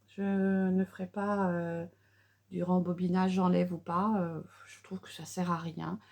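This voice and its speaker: A woman's voice: on the low side, flat delivery, unhurried, vocal fry, darkish tone. A middle-aged woman chatting through a casual makeup tutorial, with many fillers and restarts. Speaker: beauty vlogger.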